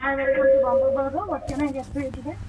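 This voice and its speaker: A woman's voice: sits high, flat delivery, very fast, music in the background. A woman working a drive-thru, taking an order over the order speaker with polite, brief customer-service replies. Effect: heard through a drive-thru order speaker.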